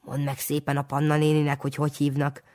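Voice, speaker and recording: A reader voicing a fussy, doting elderly village aunt who calls out and scolds in a high, shrill voice. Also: completely flat delivery, a little mellow, natural voice. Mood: chiding.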